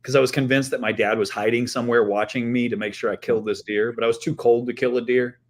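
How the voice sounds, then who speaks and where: A man's voice: medium pitch, fairly even intonation, fast. Casual storytelling man, podcast co-host. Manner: storytelling, laughing and swearing. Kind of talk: casual chat.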